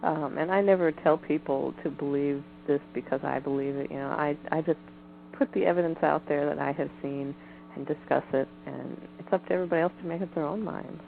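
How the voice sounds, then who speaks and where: A woman guest on a phone interview, speaking in a measured, hedging way with frequent ums. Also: deep voice, fairly even intonation, vocal fry. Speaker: guest, Bigfoot researcher. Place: home in the woods. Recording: tinny phone line with faint hiss.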